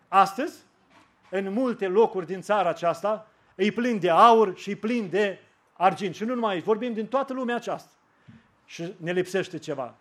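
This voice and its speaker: A man. He slows and lifts his voice on scripture quotes, then drops low and soft in his appeals to the listeners. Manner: fervent preaching, slows and rises on scripture quotes. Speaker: preacher. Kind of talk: sermon.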